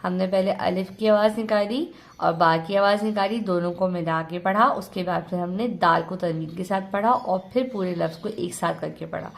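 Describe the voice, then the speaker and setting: Woman teacher drilling syllables slowly. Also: on the low side, fairly even intonation, creaky. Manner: spells syllables slowly and loudly, then talks quickly. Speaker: Quran reading teacher. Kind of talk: online lesson with slow spelled-out drills.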